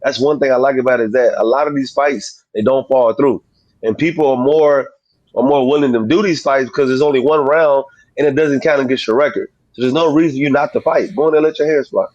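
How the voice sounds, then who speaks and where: A man's voice: mid-range voice, steady tone, fairly quick, darkish tone, no room sound, dull audio. Male boxer, thirties, slangy interview chat. Slurred, slushy sibilants; very dry sound. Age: 30s. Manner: informal, slangy, frequently saying "man". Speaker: professional boxer, interview guest.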